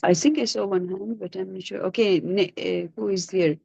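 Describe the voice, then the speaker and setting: A woman's voice: medium pitch, fairly even intonation, moderate pace, creaky, dark tone, no echo. A woman, facilitating an online scripture class, patient and questioning as she prompts her students. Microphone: video call. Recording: dull lo-fi video call audio.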